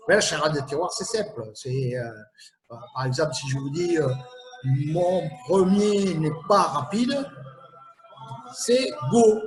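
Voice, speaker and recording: Man, quiz host, high-pitched, unhurried, teasing, faint music behind. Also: poor audio. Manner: playful, teasing, chuckles at his own riddles. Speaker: host of a live quiz game. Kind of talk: casual quiz hosting.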